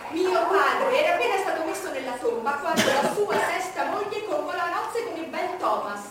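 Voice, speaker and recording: An actress playing an imperious, lustful, proud queen in a theatrical stage monologue, haughty and declamatory, with deliberate dramatic pauses. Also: very high voice, lively intonation. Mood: dramatic recounting. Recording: echoey theatre, distant noisy mic.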